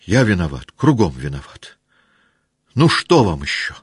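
A man's voice: a bass voice, animated, slow pace, husky, no echo, studio quality, heavily acted. A man playing a flustered young count. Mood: pleading. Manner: pleading, flustered. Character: young proud count, earnest and upset.

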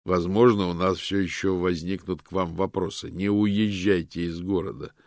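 A sharp male detective asks cold, sarcastic questions, voiced by the book's male narrator. His voice is low and gravelly. The recording is close and dry. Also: flat delivery, moderate pace, no room sound. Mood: cold questioning.

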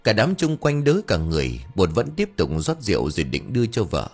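A man narrating a ghost story audiobook with lively storytelling, voicing all the characters himself. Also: on the low side, a little fast, breathy edge, soft background music. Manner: animated storytelling, voices every character himself.

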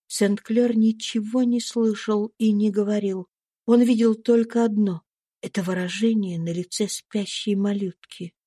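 A woman narrates a classic novel in a slow, solemn, deliberate voice. Her pitch sits somewhat high. The sound is dry and close, from a studio mic with no room echo. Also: mellow. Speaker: audiobook narrator. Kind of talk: scripted literary narration.

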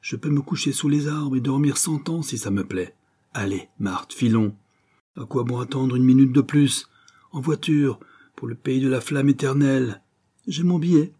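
A man voicing a rough, hard-drinking laundry worker whose raised, excitable voice slurs and mumbles when he's drunk. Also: lowish voice, moderate pace. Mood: excited, rowdy. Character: rough, boozy laundry worker, lamenting and wild. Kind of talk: audiobook character voice.

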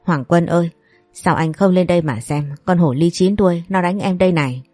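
A woman's voice: fairly low pitch, brisk, a little mellow, no echo, soft background music, natural voice. A woman voicing a spiteful, scheming young woman who sneers and insults her rival. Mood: fake whining.

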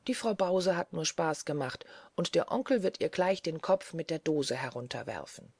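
A woman's voice: sits low, expressive, moderate pace, vocal fry, slightly rough, no echo, full character voice. A woman voicing a kindly companion who whispers encouragement. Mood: encouraging.

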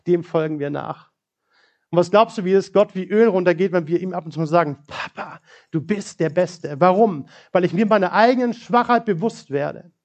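Middle-aged male preacher, fairly high voice, personal storytelling sermon. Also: fairly quick, muffled recording.

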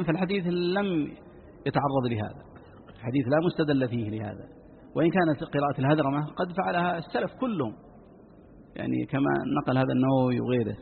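A man, a sheikh teaching Quran recitation, answers listeners' written questions in a measured way, with many "I mean" fillers. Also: mid-range voice, gravelly. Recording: tinny phone-like lecture recording with faint hiss.

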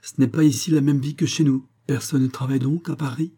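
A lightly curious young heiress with a soft, raised voice, as a man reading aloud puts her on. She speaks in a mellow, slightly husky tone. She comes from a storybook audiobook. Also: mid-range voice, fairly even intonation, a little fast, pitched above the performer's own voice, lightly acted. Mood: amused curious. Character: young American heiress, amused and gentle.

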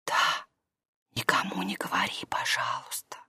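A woman whispers as a kind young nanny, frightened but tender, her breathy voice hushed and soft in a whispered role-play from a storybook. She speaks dry and close, with nothing ringing around her. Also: medium pitch, big pitch swings, normal speed, no echo, voice pushed up. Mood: anxious whisper. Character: gentle young female nanny, anxious and kind.

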